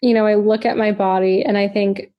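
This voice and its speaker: A woman's voice: medium pitch, level tone, muffled recording. A woman in her twenties, a podcast guest in casual chat, reflective and full of fillers. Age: 20s. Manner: reflective, filler-heavy, quick agreeing interjections.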